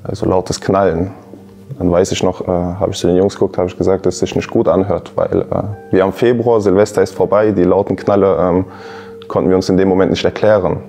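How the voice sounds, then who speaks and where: A young man in his twenties speaks in a very low voice with a gravelly edge. His tone is dark and mellow, and he tells his account in a measured way, with many small pauses. He sits indoors in a youth centre lounge, recorded from a camera some distance away. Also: flat delivery. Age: 20s. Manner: measured, frequent filler sounds. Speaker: interview guest. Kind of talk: calm personal account.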